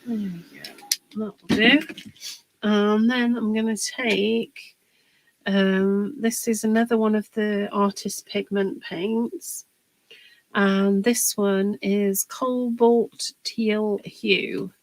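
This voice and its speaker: During a live crafting demonstration, a woman chats to viewers while she works, unhurried and talkative. Her mid-range voice holds a steady tone, though the audio quality is poor.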